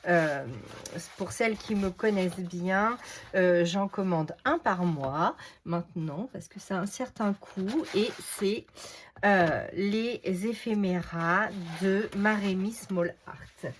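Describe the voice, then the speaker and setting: Slow, hesitant woman vlogger. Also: medium pitch, slight background noise. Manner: chatty, frequent "euh" and "donc" fillers; hesitant, halting delivery. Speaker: craft video host. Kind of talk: casual unboxing vlog.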